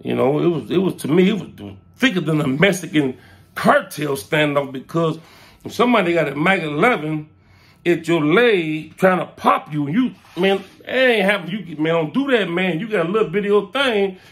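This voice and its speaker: A man's voice: a little high, normal speed. A man telling a story from his past in casual talk, acting out what people said and dropping "man" into his sentences. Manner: animated, acts out quoted lines, fills with "man". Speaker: interviewee recounting his past.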